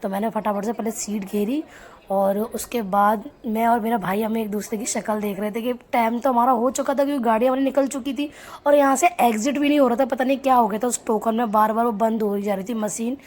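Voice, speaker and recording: A woman's voice: a little high, fairly even intonation, fairly quick, darkish tone. A young woman from Agra, India, narrating her day in a chatty casual vlog and talking straight to her viewers. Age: young adult. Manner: chatty, addresses viewers directly. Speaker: vlogger.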